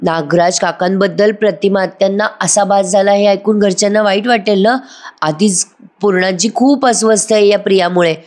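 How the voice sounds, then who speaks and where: A woman's voice: medium pitch, fairly even intonation, moderate pace, darkish tone, lightly acted. Woman voicing an anxious young wife. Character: anxious young woman, worried about family.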